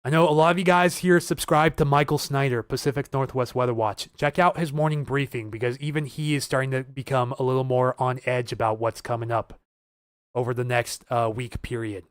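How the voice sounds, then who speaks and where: A man's voice: mid-range voice, fairly even intonation, brisk, clear, resonant tone, no echo, studio quality. A man hosting a live weather stream, talking casually and urgently to viewers, nervous and earnest. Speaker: weather livestream host.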